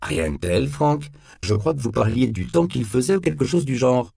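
A man's voice: mid-range voice, lively intonation, normal speed, creaky, warm tone, voice pushed up. Man doing a sly, laconic cop partner. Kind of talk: audiobook character voice.

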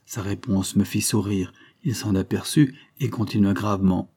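A man narrating a story as a scripted audiobook reading, with a measured storytelling cadence. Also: on the low side, fairly even intonation, vocal fry, dark tone, slightly rough.

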